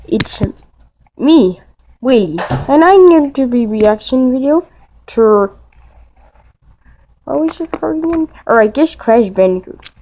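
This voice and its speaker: A woman voicing a chatty plush whale host who rambles haltingly with many restarts. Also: high-pitched, animated, mellow, slight background noise, rough recording.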